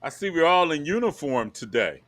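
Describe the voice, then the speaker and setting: A man's voice: a little high, very animated, moderate pace, a bit bright. A man hosting a casual podcast chat over a video call. He is laid-back and repeats his phrases. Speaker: host.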